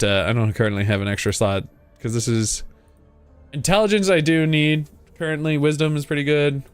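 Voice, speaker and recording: A man's voice: medium pitch, clear, resonant tone. A man giving a casual, playful game playthrough, reading text aloud and muttering asides to himself. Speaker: gaming video host.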